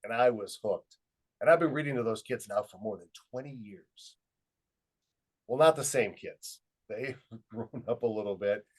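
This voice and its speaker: A middle-aged man presenting a webinar, telling an anecdote in a lively way and acting out quoted dialogue, speaking into a computer mic on a video call. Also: on the low side, normal speed, low-quality recording. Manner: lively storyteller who acts out quoted dialogue. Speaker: webinar presenter and student leadership trainer.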